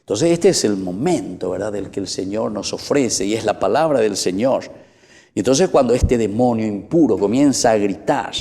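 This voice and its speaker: Paraguayan priest preaching in a reverberant church. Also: male voice, fairly low pitch, animated, normal speed, vocal fry, warm tone. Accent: Paraguayan Spanish. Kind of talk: sermon.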